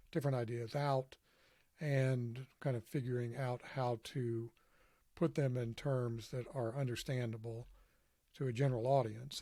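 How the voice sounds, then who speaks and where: A man hosting a casual tutorial, walking through software on screen while thinking aloud in a self-deprecating, offhand way. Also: mid-range voice, no room sound, clean studio sound. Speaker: podcast host demonstrating software. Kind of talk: screen-recorded tutorial walkthrough.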